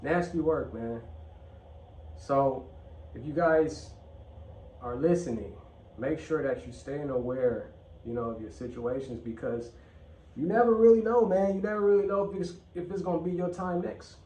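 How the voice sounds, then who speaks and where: Ranting casually on his own vlog, this channel host talks bluntly, swears, and repeats phrases for emphasis. His pitch is fairly high, his pace moderate, and his tone dark; the room echoes and the mic sits at a distance.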